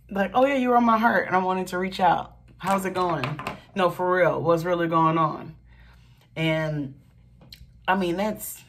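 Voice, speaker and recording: A young woman talking earnestly in a casual get-ready-with-me vlog, with many pauses and fillers. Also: lowish voice. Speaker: vlogger.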